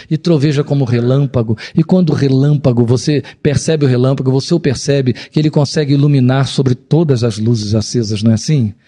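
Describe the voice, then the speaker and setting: Preaching from the pulpit, this middle-aged man's delivery shifts from raised, exclamatory lines to hushed, grave passages, all in a mellow voice.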